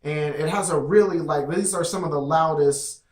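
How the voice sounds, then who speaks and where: A man's voice: on the high side, normal speed. A man casually reviewing a product, rambling with many fillers and restarts. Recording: echoey room.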